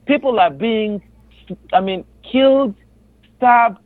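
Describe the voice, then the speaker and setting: A man's voice: high-pitched, dry recording. Young Congolese man on a tinny phone line. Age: 20s. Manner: earnest, halting with many restarts. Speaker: guest. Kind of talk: interview about personal experience. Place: on a phone call.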